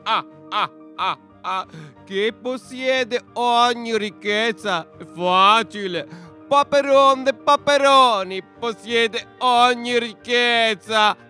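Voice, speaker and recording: A man's voice: extremely high pitch, slow pace, pushed and bright, faint music behind, pitched above the performer's own voice, full character voice. A man voicing a boastful, scheming male villain who cackles theatrically in a children's audio story. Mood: triumphant. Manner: theatrical evil laughter.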